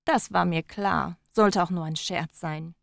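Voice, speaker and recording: A man's voice: sits high, fairly even intonation, measured pace, vocal fry, a bit bright, no room sound, studio quality, pitched above the performer's own voice, full character voice. A male audiobook narrator voicing a frank young woman on the phone, speaking in a teasing, wry manner. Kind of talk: audiobook character voice.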